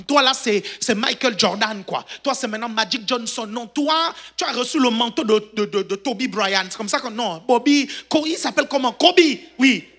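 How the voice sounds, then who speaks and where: A man preaching an animated, joking sermon, keeps checking that the congregation is following him. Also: extremely high pitch. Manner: animated, jokes, sudden shouts. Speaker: pastor.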